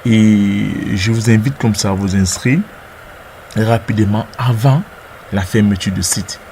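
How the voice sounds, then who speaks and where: A man's voice: on the low side, fairly even intonation, a little slow, a little mellow, a little hiss or hum. A man narrating a screen-recorded tutorial as its presenter, talking through each step hesitantly and repeating words as he clicks.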